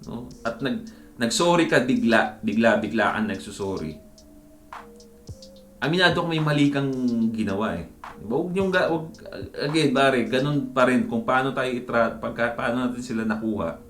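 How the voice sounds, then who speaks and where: Male vlogger, mid-pitched, relaxed advice chat full of buddy talk and tag questions. Roomy echo, faint music bed. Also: normal speed. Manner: mixes English into his speech. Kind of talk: casual advice monologue.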